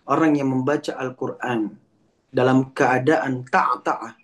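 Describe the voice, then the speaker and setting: A man's voice: mid-range voice, fairly even intonation, takes it slowly, a bit bright. A man teaching as an Islamic lecturer over an online call, explaining patiently, reciting Arabic verses and restarting words. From Palembang. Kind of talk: religious lecture answering a question.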